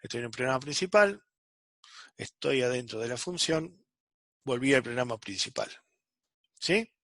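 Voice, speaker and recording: A man's voice: mid-range voice, expressive, normal speed, creaky, fairly bright tone, no echo. A man teaching a programming class online, checking in with the students after nearly every phrase. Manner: checks understanding with frequent "¿sí?" and "¿está?".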